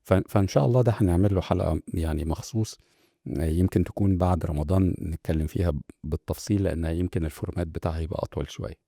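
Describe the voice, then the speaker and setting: Fast-talking deep gravelly Egyptian man. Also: mellow, no room sound, studio quality. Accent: Egyptian Arabic. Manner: conversational, many fillers and restarts, addresses viewers directly. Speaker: host. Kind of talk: casual self-help talk.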